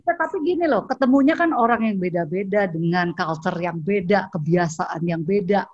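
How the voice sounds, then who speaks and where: A woman's voice: medium pitch, normal speed, darkish tone. A woman interviewing a guest casually, teasing him and prodding him for answers. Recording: dry, dull lo-fi sound.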